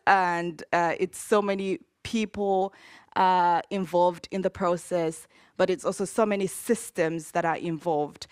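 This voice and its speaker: A woman from Zambia giving a conference talk, in a conversational way with frequent pauses and fillers. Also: on the low side, smooth, dry recording, studio quality. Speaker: conference speaker. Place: conference hall.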